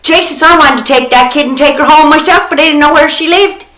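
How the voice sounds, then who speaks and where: High-voiced blunt older woman ranting. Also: fairly quick, a bit bright. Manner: blunt, swears freely, scolding. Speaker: vlogger. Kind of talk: ranting storytelling monologue. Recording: echoey room.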